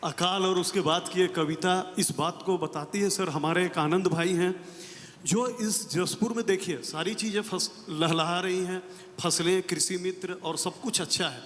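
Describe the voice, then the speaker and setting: A man's voice: sits high, fairly even intonation, moderate pace, a bit bright. A man, a writer and organizer, giving a formal and respectful speech at a literary session, quoting poetry. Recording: hall reverb.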